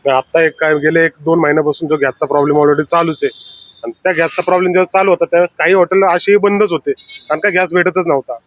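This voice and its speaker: Fast-talking aggrieved hotel owner, man. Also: a little high, no room sound. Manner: fast, insistent, complaining. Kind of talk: street interview.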